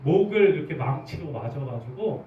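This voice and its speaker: A man preaching a sermon as pastor, animated, putting questions to his congregation. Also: fairly high pitch, moderate pace, slight background noise. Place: church hall. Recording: roomy, distant, dull church recording.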